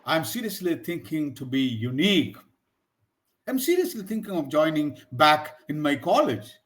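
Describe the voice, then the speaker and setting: Animated male teacher, lively pitch. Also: moderate pace. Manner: animated, acts out example phrases with varied tones. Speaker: English teacher. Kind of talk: conversational English lesson.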